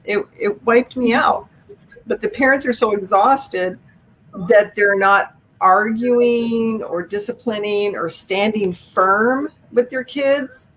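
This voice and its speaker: A woman's voice: a little high, slow, fairly bright tone, poor audio. A middle-aged woman, an author taking questions in a live video interview, speaking frankly and with strong opinions. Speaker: author guest. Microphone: video call.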